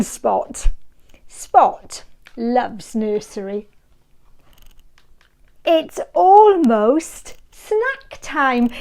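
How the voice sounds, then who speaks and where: A high-pitched woman reads a picture book aloud to small children as a storybook reader. Her delivery is sing-song and inviting, and she draws listeners in with questions and hushed counting.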